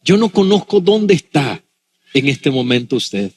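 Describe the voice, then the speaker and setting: A man, a pastor, preaching a sermon with dramatic pauses and acted-out quotes. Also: mid-range voice, very animated, a little mellow, slightly rough.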